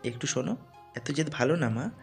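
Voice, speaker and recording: A voice actor playing a tired, stern middle-aged father in an audio drama, speaking low and pleading. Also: expressive, fairly quick, gravelly, faint music behind.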